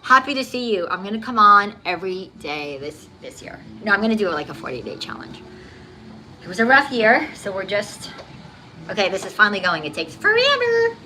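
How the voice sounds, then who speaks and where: Cooking and doing dishes as she hosts a livestream, this woman talks in a brisk, pushed, bright voice of medium pitch with big swings, her New Jersey accent and slight lisp clear. Upbeat and chatty, she hums and sings along over running tap water in her home kitchen. The low-quality recording has a little hiss or hum.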